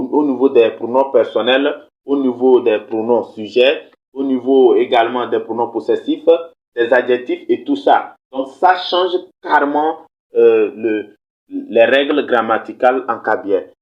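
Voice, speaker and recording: A man teaching a language lesson on video, speaking patiently, repeating words and checking that viewers follow. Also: mid-range voice. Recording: slightly dull, lo-fi recording.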